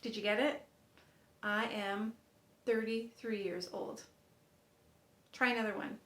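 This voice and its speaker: In an echoey room, a woman in her fifties demonstrates signs and counts aloud for a sign language lesson. Her medium-pitched voice is steady, slow and fairly bright, and she encourages viewers cheerfully while laughing at her own errors.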